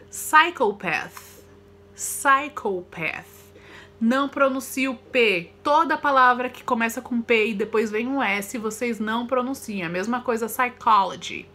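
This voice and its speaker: Her voice is a little high with a sharp tone in this clip. A Brazilian Portuguese-accented woman runs a recorded online lesson on English vocabulary and pronunciation, carefully drilling single words at a slow pace and repeating examples.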